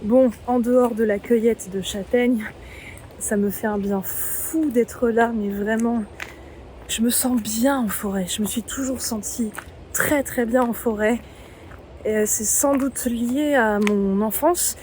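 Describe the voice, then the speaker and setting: A woman's voice: fairly high pitch, fairly even intonation, slow pace, darkish tone, a little hiss or hum. A woman from the Yvelines, chatting casually while hiking through a forest, thinking aloud with plenty of fillers. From Yvelines, France. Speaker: travel vlogger. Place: forest trail outdoors.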